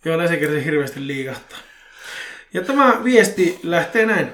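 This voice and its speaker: A man co-hosting a podcast, reading listener emails and chatting with dry, teasing humor. His voice sits somewhat high for a man. The recording carries a noticeable roomy echo. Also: very animated, a bit bright. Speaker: podcast co-host.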